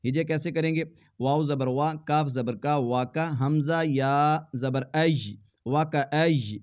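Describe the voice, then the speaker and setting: A man teaching Quran recitation who spells words out letter by letter and then chants them slowly in a drawn-out voice. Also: a little high, darkish tone. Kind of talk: slow spelled-out recitation lesson. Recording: dull lo-fi sound.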